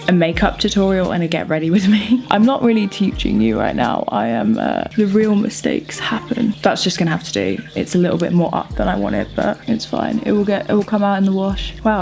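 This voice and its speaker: A woman's voice: medium pitch, vocal fry, darkish tone. Chatty woman doing her makeup. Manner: chatty, playful, laughs often. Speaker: beauty vlogger. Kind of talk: casual get-ready-with-me makeup chat.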